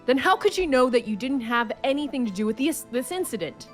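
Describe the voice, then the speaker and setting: A woman's voice: high voice, lively intonation, fairly quick. A woman voicing an accusing, easily exasperated young male defense attorney in a video game. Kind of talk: amateur video game voice-over. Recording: music behind.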